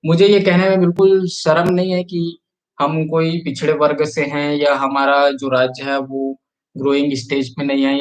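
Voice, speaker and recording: A man from Chhattisgarh chats on a live stream in a voice sitting slightly high for a man. He talks easily and at length, reads out viewer comments one after another, and keeps asking people to like the video. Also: rough recording. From Chhattisgarh, India. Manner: chatty, reads out viewer comments and urges likes. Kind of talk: casual live-stream chat.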